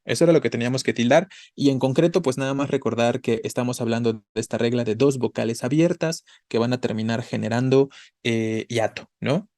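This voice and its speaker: A man's voice: mid-range voice, darkish tone, no echo, clean studio sound. A man teaching a Spanish grammar class, patiently explaining and checking in with his students. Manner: patient, checks in with frequent "¿no?" and "¿vale?"; spells out syllables slowly.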